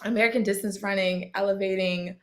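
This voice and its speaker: A woman's voice: mid-range voice, brisk. A young woman athlete chatting as a guest, telling stories with lots of laughter. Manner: animated storyteller, laughs often. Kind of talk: casual chat.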